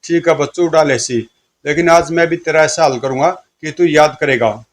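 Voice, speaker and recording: A man's voice: a little high, normal speed, lightly acted. A man voicing an irritable middle-aged police inspector who scolds a junior. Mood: gruff.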